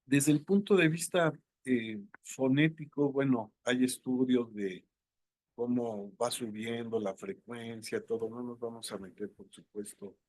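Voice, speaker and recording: Male instructor; slow, halting lecture delivery, dry close mic. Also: mid-range voice, fairly even intonation, darkish tone, no echo. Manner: unhurried, thinking aloud with many fillers. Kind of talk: online lecture.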